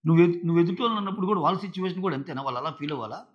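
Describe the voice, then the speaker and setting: A man with a fairly high voice gives an emphatic episode review. He argues his points and keeps throwing rhetorical questions at the listener. The audio is dull and muffled. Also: rapid-fire. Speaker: reality show reviewer.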